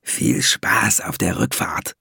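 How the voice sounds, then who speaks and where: A sly, gruff dwarf, voiced by a man reading an audiobook, full of sarcastic jabs. His gravelly, husky voice turns mocking questions into taunts. The sound is dry and close. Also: mid-range voice, big pitch swings, normal speed, sharp tone, no echo, exaggerated voice. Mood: hushed. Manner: sarcastic, needling.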